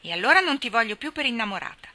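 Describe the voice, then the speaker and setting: A woman's voice: fairly high pitch, big pitch swings, racing, pushed and bright, voice pushed up. A woman reading aloud, voicing a jealous little boy who scolds his sweetheart in a storybook. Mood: reproachful.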